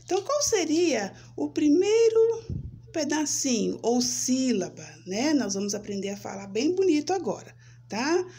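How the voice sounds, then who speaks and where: A Brazilian woman teaching young children, speaking slowly and sounding out syllables, checking in with "né?" and "certo?". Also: sits high, sing-song, warm tone. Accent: Brazilian Portuguese. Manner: slow, spelling out syllables, frequent "né?" and "certo?". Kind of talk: children's lesson, slow and sing-song.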